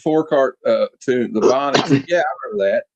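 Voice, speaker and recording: A podcast host in his late forties rambles through a casual chat, reminiscing at length with lots of fillers. His mid-range voice is brisk, and the highs in the recording are cut off.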